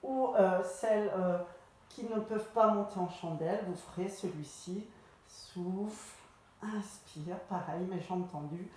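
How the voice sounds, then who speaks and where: A woman leading a pilates class, calmly cueing each movement and breath step by step. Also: lowish voice, normal speed. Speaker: pilates instructor. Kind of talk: guided exercise class instruction. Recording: echoey room.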